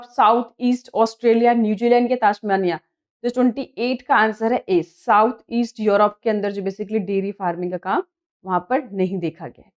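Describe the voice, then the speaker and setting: A woman teacher with a Hindi accent, reading quiz questions slowly in English and explaining the answers in Hindi. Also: fairly high pitch, a little mellow. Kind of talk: exam prep lesson.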